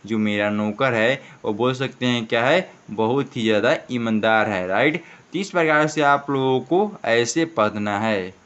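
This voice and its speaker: A man's voice: medium pitch, measured pace, fairly bright tone, clean tone, highs cut off. A man teaching an English reading lesson, spelling out each word letter by letter and answering his own questions. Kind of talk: classroom lesson.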